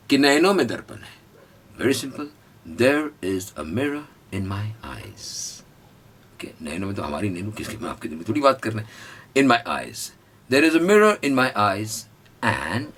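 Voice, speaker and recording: Male English teacher with an Indian accent, husky, slow and very lively in pitch, playful and chatty. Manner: chatty and playful, breaks into song, switches between Hindi and English. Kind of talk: casual spoken English lesson in Hindi.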